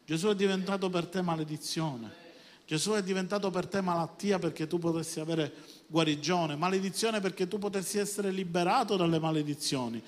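A man preaching a Sunday sermon as pastor, swinging between quiet stretches and sudden loud bursts, often asking the congregation if they are with him. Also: sits high, brisk. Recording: hall reverb.

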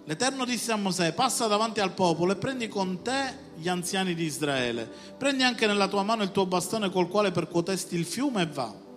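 High-voiced impassioned male preacher. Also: animated, a little fast, hardly any pauses, a bit bright. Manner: passionate, rising to emphatic call-and-response. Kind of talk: sermon. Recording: reverberant hall with music behind. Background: music.

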